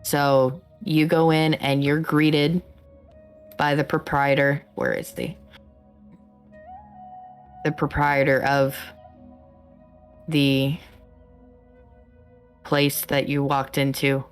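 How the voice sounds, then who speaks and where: A woman game master narrates in a low voice at a slow pace. She improvises haltingly, feeling for the next word, over faint background music. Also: little pitch movement, clean tone. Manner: halting, searching for words.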